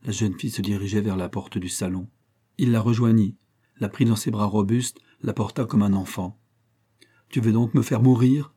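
A man narrating a classic novel as an audiobook, in a measured, literary storytelling manner. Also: on the low side, steady tone, warm tone, breathy edge. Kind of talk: scripted narration.

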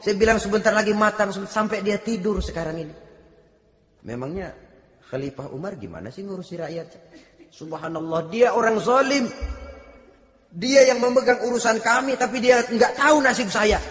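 A preacher playing a poor mother at the end of her means, pleading and grumbling. His bright, high voice rings in a large hall with a long reverb. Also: animated, normal speed. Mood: complaining. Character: poor desperate mother, middle-aged woman.

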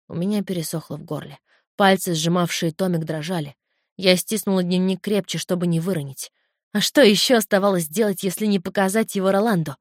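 A woman reading a novel in the first person in a tense, measured way, recorded close to the mic. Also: lowish voice, no room sound. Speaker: audiobook narrator. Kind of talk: first-person audiobook narration.

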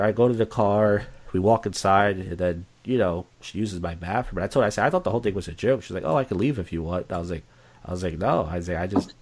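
A man's voice: sits low, noisy background. A young man telling a story casually, acting out the quoted voices with animation. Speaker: guest.

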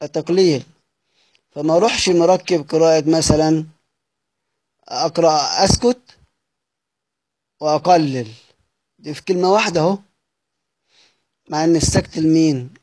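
A man's voice: fairly high pitch, normal speed, long pauses, darkish tone, no echo. A man with an Egyptian accent giving a lesson to students, explaining points step by step and asking and answering his own questions. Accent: Egyptian Arabic. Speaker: Quran recitation teacher. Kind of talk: lecture to students.

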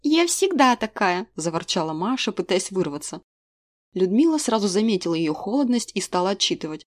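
A woman's voice: fairly low pitch, animated, fairly quick. A woman reading a first-person story aloud as narrator, with a dry, ironic storytelling manner.

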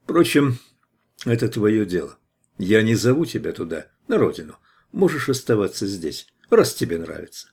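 A man reading an audiobook voices a steady, tough hero who interrogates a captive in a firm, measured way. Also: medium pitch. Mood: cold.

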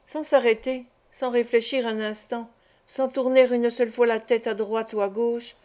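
A woman narrating a classic novel as an audiobook, in a steady, measured way. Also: fairly high pitch. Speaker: audiobook reader.

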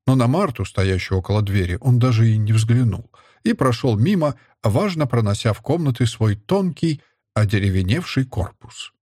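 A man with a husky voice narrates a story with lively, expressive pitch. His reading is measured and even-paced. The sound is close and dry. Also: no echo. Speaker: audiobook narrator. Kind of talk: literary audiobook narration.

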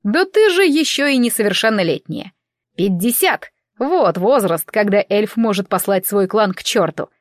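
A woman voicing an excitable elf priest. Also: mid-range voice, normal speed, dry recording, studio quality, natural voice. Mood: lecturing. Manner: animated, exclaiming, lecturing. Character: excitable male elf priest, bossy and fussy. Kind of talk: audiobook character reading.

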